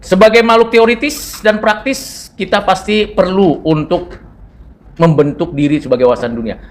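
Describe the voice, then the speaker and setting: A man's voice: high-pitched, normal speed. A man from North Sumatra giving a seminary classroom lecture in a conversational way, quizzing his students and dropping in English terms. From North Sumatra, Indonesia.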